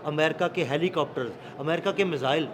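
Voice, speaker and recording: Eager Pakistani-accented man, slightly high voice. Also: fairly quick, slight background noise. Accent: Pakistani Urdu. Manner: eager, agreeing interjections. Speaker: news presenter. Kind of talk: studio news discussion.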